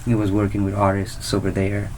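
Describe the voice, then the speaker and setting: This is a man. His voice sits on the low side, and he answers at an easy pace, often restarting his sentences. A faint hiss stays behind him. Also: low-quality recording. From Italy. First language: Italian. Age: 30s. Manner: relaxed, unhurried, with restarts. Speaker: guest musician. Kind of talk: casual interview.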